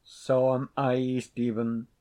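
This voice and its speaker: A man voicing a stern, suspicious laird who speaks in a cold, measured, menacing way. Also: medium pitch, level tone, dark tone, close to an everyday voice.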